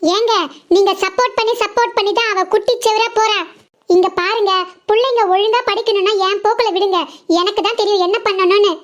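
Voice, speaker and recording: A woman voicing a sharp-tongued mother who nags and scolds her schoolgirl daughter. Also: very high voice, fairly even intonation, lo-fi sound. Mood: arguing. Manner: nagging, quick rebukes.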